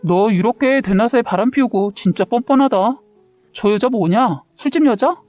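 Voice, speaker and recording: A woman's voice: on the high side, lively intonation, moderate pace, a little mellow, dry recording, faint music behind, natural voice. Story character: outspoken, hot-tempered woman friend, blunt and confrontational; a woman narrator plays her. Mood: angry. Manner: blunt, combative.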